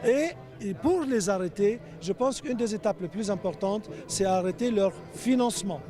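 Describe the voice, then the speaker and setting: A man speaking as a protester at an outdoor rally, hesitant and full of pauses, yet insistent. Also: sits high, lively intonation, music in the background. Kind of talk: street interview statement. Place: outdoors on a city street.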